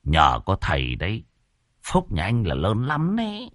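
A man's voice: fairly low pitch, huge pitch swings, measured pace, a bit bright, no room sound, studio quality, heavily acted. A man voicing a nervous, chatty old man who bursts into jumpy exclamations. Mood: nagging.

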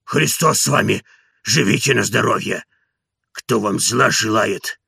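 A man's voice: on the low side, a little slow, creaky, bright, forceful tone, breathy edge, no room sound, clean studio sound, voice pushed down, full character voice. A man reading an audiobook and voicing a timid, grumbling old male servant who mumbles and pleads. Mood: flustered.

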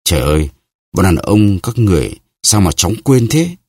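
A man's voice: low-pitched, expressive, fast talker, a little mellow, slightly rough, no echo, clean studio sound. A man voicing a jealous middle-aged lawyer's wife who pleads and reproaches in a raised voice. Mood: plaintive.

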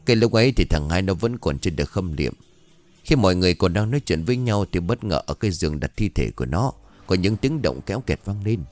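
Vai bà lão trong làng hay buôn chuyện, nói thì thầm ngập ngừng do một người đàn ông đọc. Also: male voice, low voice, lively intonation, fast. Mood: gossiping. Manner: hushed, gossipy, hesitant. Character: gossiping older village woman.

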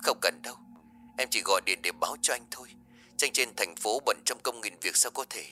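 A man voicing a grieving middle-aged woman, speaking soft and choked with tears. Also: medium pitch, a little fast, soft background music, voice pushed up. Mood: grief-stricken.

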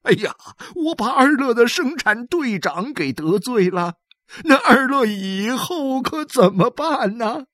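A woman's voice: on the high side, sing-song, unhurried, a bit bright, no echo, clean studio sound, heavily acted. A woman doing a tearful, begging poor man. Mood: pleading. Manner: pleading, tearful, stammering. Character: poor, desperate working man begging for help.

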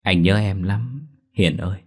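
A man's voice: low-pitched, a little slow, husky. A man voicing the tearful ghost of a drowned young man, speaking through a medium in a ghost story. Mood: sorrowful. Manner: tearful, pleading.

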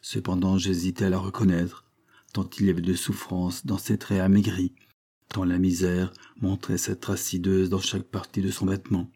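A man reading a classic literary story aloud in a measured, storytelling manner. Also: deep voice, little pitch movement, mellow, husky. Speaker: audiobook reader. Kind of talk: scripted narration of a 19th-century story.

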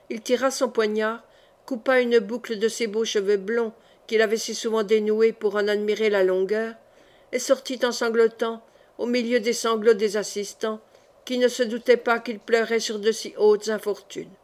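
A woman narrates a classic novel as an audiobook. Her delivery is measured and dramatic. Her voice sits somewhat high. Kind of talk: scripted narration.

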